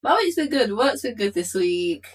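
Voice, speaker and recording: A woman's voice: mid-range voice, sing-song, normal speed, husky. A woman, co-hosting a podcast in casual conversation. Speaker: podcast co-host. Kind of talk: casual group chat.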